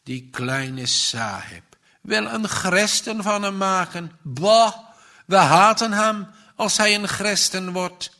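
A man's voice: a little high, slow pace, hardly any pauses, bright, forceful tone, heavily acted. A man voicing a group of scornful male servants who jeer in a storybook reading. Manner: scornful, jeering.

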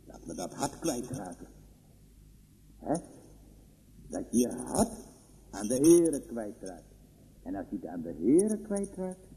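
A man preaching a sermon in a church, solemn and emphatic, with sudden high outbursts. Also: dark tone. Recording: long reverb of a church hall.

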